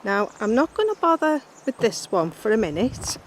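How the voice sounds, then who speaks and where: A woman's voice: a little high, big pitch swings, moderate pace. A woman with a Scouse accent explaining a garden build in a chatty, blunt, self-deprecating way, recorded outdoors in a rural garden. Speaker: vlogger. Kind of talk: casual how-to narration. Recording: outdoor recording with loud background noise. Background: cows and a passing plane.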